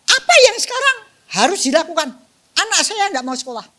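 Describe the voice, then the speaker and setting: A woman voicing an indignant middle-aged mother who scolds in a high, near-crying voice. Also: big pitch swings, fairly quick, pushed and bright, full character voice.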